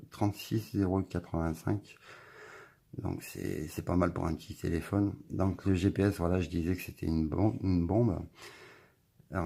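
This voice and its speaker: Male tech vlogger, deep gritty voice, laid-back rambling review, music under him. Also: vocal fry. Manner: relaxed, rambling, filler-heavy commentary. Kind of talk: casual product review.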